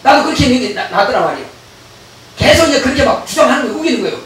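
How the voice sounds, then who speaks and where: A male pastor preaches a lively sermon in a high, bright, forceful voice. He often laughs, acts out conversations and breaks into shouts. The sound comes from a distance in a very echoey church with faint background noise. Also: very fast. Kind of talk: animated sermon. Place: church sanctuary.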